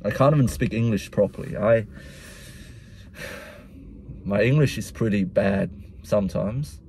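A man's voice: lowish voice, measured pace, creaky, dark tone, a little hiss or hum. A young man with a mixed Vietnamese-Australian accent, rambling and soul-searching in a casual personal vlog monologue, often repeating himself. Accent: Vietnamese-Australian mix. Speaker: vlogger.

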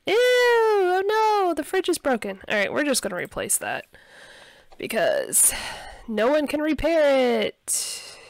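A woman's voice: on the high side, creaky, no room sound. A young woman chatting casually over a life simulation game, giggling and talking to her characters, her voice a little scratchy from a cold. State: slightly hoarse from a cold. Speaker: let's play host.

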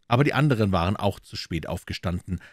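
A man narrating a classic detective story as an audiobook reader, in a measured, dramatic way. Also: deep voice, lively intonation, no room sound, studio quality.

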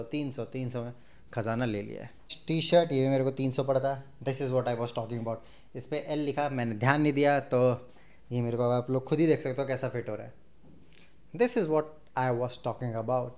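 A man's voice: medium pitch, a little mellow. A man in his twenties from India, chatting casually to viewers in a clothing haul, recorded indoors on a lapel mic. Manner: chatty, mixes Hindi and English, addresses viewers directly. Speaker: fashion vlogger. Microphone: clip-on lapel mic.

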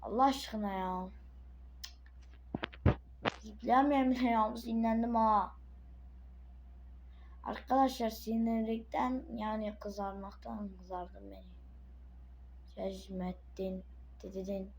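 Excitable female gamer with a sore throat. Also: fairly high pitch, takes it slowly, pauses often, slight background noise, rough recording. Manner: excitable, swings between muttering and sudden shouting. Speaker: gaming channel host. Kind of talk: casual gameplay commentary to viewers.

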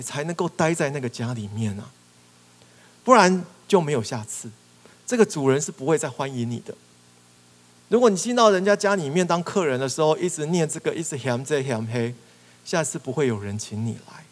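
A man's voice: on the high side, animated, fairly quick. A male pastor preaching a sermon, animatedly acting out prayers and cries with rising emphasis. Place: church hall. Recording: reverberant church hall.

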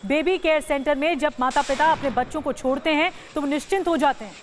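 High-pitched urgent woman news anchor. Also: fast talker, slight background noise. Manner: urgent, dramatic, rhetorical. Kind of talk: breaking news narration.

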